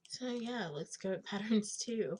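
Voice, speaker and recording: Young woman with a husky smoker's rasp. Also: medium pitch, measured pace, a little mellow. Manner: informal, slangy, frequent throat clearing. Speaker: digital art tutorial host. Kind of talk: casual screen tutorial, thinking aloud.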